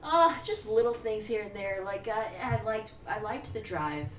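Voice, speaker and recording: A young woman streamer chatting casually and telling animated stories, acting out what people said. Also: mid-range voice, normal speed. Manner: animated storyteller, lively voices for quotes. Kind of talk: casual chat. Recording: roomy, from a distance, faint noise.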